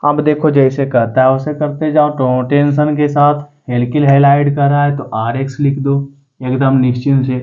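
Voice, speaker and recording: A man's voice: mid-range voice, flat delivery. Tinny-sounding chemistry teacher, man. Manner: reassuring, calls students "bachcha", drawls formulas slowly. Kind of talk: classroom lecture.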